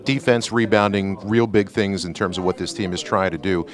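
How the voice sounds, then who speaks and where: A man's voice: low-pitched, normal speed. A middle-aged man interviewing a player after a game in a locker room, asking long run-on questions. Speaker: sports interviewer. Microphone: handheld mic.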